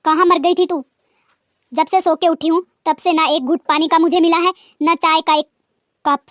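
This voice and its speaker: A sharp-tongued older mother-in-law in a cartoon, as a woman puts her on, high-pitched and loud. Her scolding is harsh and commanding. The recording is dry and close. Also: moderate pace, dry recording.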